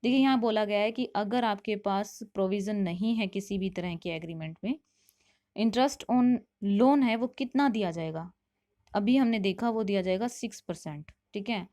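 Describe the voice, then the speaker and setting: A woman teaching commerce for competitive exams. She reads English multiple-choice questions out slowly and then explains each one quickly, often stopping to check with "theek hai". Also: mid-range voice, warm tone.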